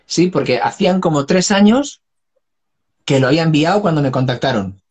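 A man's voice: a little high, normal speed. A man, a singer chatting casually and telling stories with laughs and frank swearing. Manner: lively storyteller, laughs and swears freely. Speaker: singer and dub voice guest. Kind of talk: casual chat.

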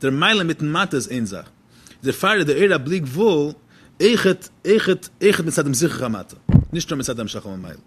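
A man's voice: on the high side, sing-song, brisk, a bit bright, a little hiss or hum. A man giving a religious text lecture as a teacher, posing questions and then answering them.

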